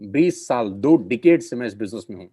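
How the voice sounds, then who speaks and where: A man's voice: medium pitch, lively intonation, brisk, warm tone, breathy edge, no room sound, studio quality. A middle-aged man giving a persuasive business opportunity presentation, repeating phrases for emphasis and calling listeners his friends. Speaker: network marketing presenter.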